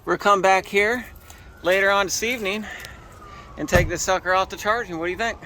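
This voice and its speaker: A man filming a casual family vlog, explaining in a relaxed, chatty way as he charges the car outdoors. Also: sits high, fairly quick, slight background noise. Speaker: family vlogger. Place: parking lot by a car charger.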